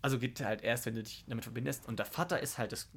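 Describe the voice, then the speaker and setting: A man's voice: medium pitch, steady tone, quick pace, a bit bright, slight background noise. A young man in his twenties in a casual, rambling chat, swearing and laughing along the way.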